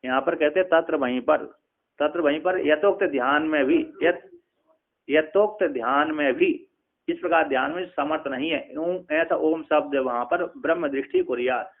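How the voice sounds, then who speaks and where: A man teaching scripture in a discourse, reciting Sanskrit lines slowly and then explaining them with many restarts. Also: a little high. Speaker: Vedanta teacher. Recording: phone-like narrow sound.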